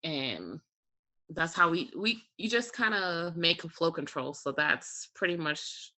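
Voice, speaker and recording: An air traffic controller, appearing as an interview guest, explains things casually and step by step with examples, often saying "you know" and "like." His medium-pitched voice is bright and forceful, with lively intonation and an unhurried pace.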